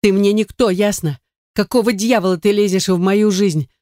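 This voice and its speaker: A man voicing a distraught young woman who shouts and pleads shrilly in an audiobook. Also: high voice, steady tone, normal speed, no room sound, studio quality, pitched above the performer's own voice, lightly acted. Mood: distraught shouting.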